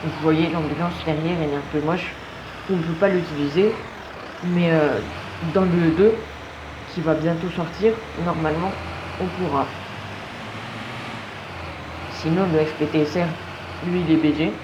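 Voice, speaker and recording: A man's voice: a little high, measured pace, long pauses, noisy background. A man giving casual, slangy running commentary on a game as he plays. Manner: relaxed, slangy, chatty. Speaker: gameplay commentator.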